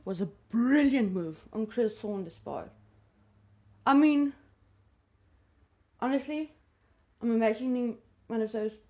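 A South African podcast host whose first language is Afrikaans tells a true crime story, chatting confidingly with her listeners. Her voice is on the high side with a darkish tone.

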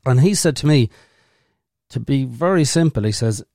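A man's voice: mid-range voice, lively intonation, moderate pace, vocal fry, warm tone, dry recording, clean studio sound. A man hosting a podcast, asking questions in a casual interview and often repeating his words as he goes. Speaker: podcast host.

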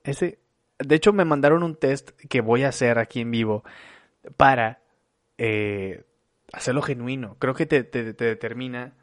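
A man's voice: medium pitch, measured pace, no room sound. Man streaming, reads a text aloud and riffs on it with cursing and jokes; dry, close sound. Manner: swears often, joking, reacts with laughs. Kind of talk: reading a book aloud with casual commentary.

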